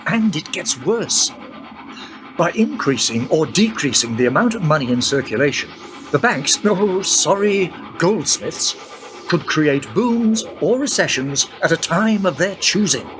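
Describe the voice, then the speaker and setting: In a radio play, a man with a fairly high voice acts a knowing guide who patiently explains money to a young woman. He lectures at a measured pace with lively intonation, and there is background noise in the recording.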